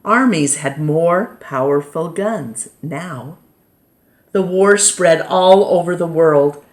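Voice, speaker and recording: An American woman with a low-pitched voice reads from a children's nonfiction book, storytime-teacher style. She keeps a deliberate pace and pauses between each short phrase.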